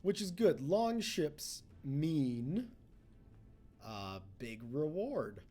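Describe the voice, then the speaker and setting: Extremely slow and dark-toned, his voice is on the high side with big swings in pitch. The young let's play host, a first-language English speaker, gives rambling, self-deprecating commentary and talks back to the game.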